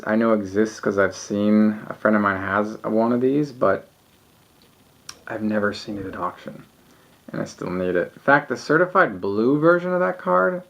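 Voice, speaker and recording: A man showing his baseball cards in a relaxed, rambling video, tired late at night with lots of ums. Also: lowish voice, gravelly. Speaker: sports card collector showing his cards. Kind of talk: casual solo video. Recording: dull lo-fi home recording.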